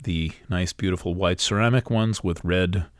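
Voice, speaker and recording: Low-voiced man rambling through an astrology reading. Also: moderate pace, no room sound, studio quality. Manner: rambling, with many fillers and restarts. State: hiccuping. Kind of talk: casual spoken astrology reading.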